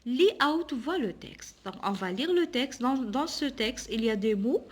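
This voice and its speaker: A woman teacher leads young children through a reading lesson. She talks slowly and patiently, breaking each word into syllables. Her voice sits a little high. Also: expressive, breathy edge. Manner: slow and patient, sounding out syllables. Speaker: primary school teacher.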